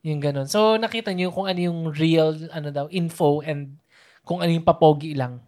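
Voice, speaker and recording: A woman's voice: deep voice, moderate pace, darkish tone. A woman in casual conversation, chatty and thinking aloud, mixing English into her sentences. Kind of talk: casual chat.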